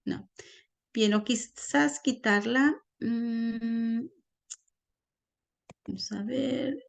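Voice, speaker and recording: A woman teaching a grammar lesson online, explaining slowly and patiently and checking in often with her students. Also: fairly high pitch, gravelly. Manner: slow, patient, checks in with frequent "¿sí?". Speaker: Spanish teacher.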